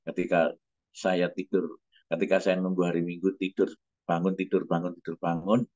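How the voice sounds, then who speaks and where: Middle-aged pastor, very low voice, emotional testimony, muffled dry recording. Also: male voice, little pitch movement, a little mellow, no echo. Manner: emotional, halting, breaks off and restarts. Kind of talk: personal testimony.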